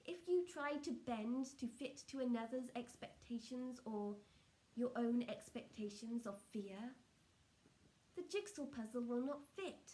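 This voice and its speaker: A woman speaking as a trance channelling seance medium, solemn and measured, delivering spiritual messages in short halting phrases. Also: on the high side, expressive, mellow, low-quality recording.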